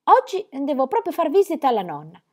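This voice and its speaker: A woman's voice: high voice, wildly swooping pitch, fairly quick, voice pushed up. A woman voicing a cheerful, eager little girl in a children's storybook reading. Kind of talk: audiobook reading.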